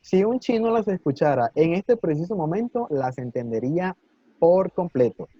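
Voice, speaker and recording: Patient man teaching slowly, muffled call audio. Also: fairly high pitch, expressive, mellow, no echo. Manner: patient, encouraging, explains slowly with many "¿sí?" checks; sounds out Mandarin words slowly and clearly. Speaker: Mandarin teacher. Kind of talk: live online language class.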